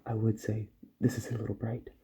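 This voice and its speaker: In an ASMR roleplay, a soft-spoken man plays a repair doctor at work, murmuring unhurriedly to the listener and often dropping toward a whisper. His voice is lowish, husky and brisk, with little pitch movement.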